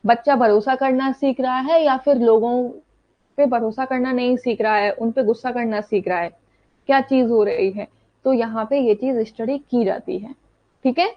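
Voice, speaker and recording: Woman tutor, slightly high voice, explanatory lecture style, dull dry recording. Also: moderate pace, no echo. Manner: explanatory, repeats "thik hai" checks. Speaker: teacher. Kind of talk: online exam-prep lecture.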